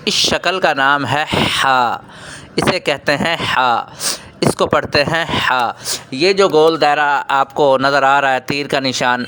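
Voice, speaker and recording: A man with a bright, clean voice teaches a Quran reading lesson for children. He speaks a little higher than most men, repeats each point patiently and quizzes his young pupils as he goes. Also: smooth.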